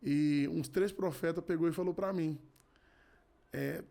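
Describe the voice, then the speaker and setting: A man in his thirties speaks as a podcast guest, sharing a personal faith testimony. His voice sits a little high, and his talk is earnest, with frequent restarts and repeated phrases. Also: steady tone, unhurried, gravelly, warm tone. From Rio de Janeiro. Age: 30s. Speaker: podcast guest, gospel musician. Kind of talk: casual testimony.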